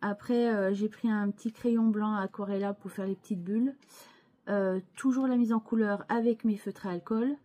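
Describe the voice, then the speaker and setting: A woman's voice: medium pitch, fairly even intonation, moderate pace, mellow. A woman hosting her scrapbooking channel, chatting casually as she shows her craft pages, hesitant and full of restarts, with chatty asides to viewers.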